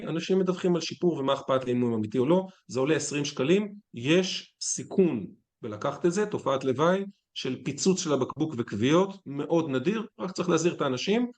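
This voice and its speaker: A man, a physician, giving a conference lecture in a conversational, candid way with anecdotes. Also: fairly high pitch.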